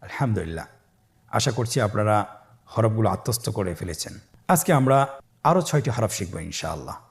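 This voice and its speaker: A man's voice: fairly low pitch, very animated, fairly quick, vocal fry. A man with a Bangladeshi Bengali accent teaching beginners Quran recitation, patiently drilling and drawing out each letter.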